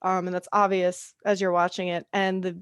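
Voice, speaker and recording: A woman's voice: on the low side, little pitch movement, moderate pace, clear, resonant tone, dry recording, studio quality. A young woman co-hosting a podcast in casual chat, rambling and giggly. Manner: chatty, giggly, rambling asides. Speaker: podcast co-host.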